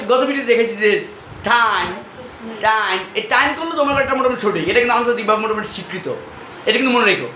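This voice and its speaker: A man leads a classroom pronunciation lesson at a brisk pace. He drills his pupils by calling out each word and repeating it back to them. The echoey room and dull, lo-fi sound give it a homemade feel. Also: very high-pitched, bright, forceful tone, a little hiss or hum. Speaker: English pronunciation teacher.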